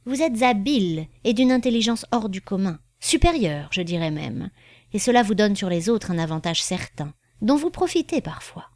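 Woman reading as a smooth, bluffing male fortune-teller. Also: medium pitch, very animated, normal speed, darkish tone, no echo, clean studio sound, natural voice. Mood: persuasive. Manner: smooth, insinuating, persuasive.

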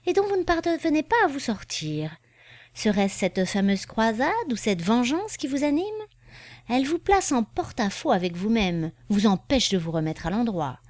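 A woman voicing a man posing as a fortune-teller, smooth and persuasive as he reads the cards. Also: a little high, darkish tone, no room sound.

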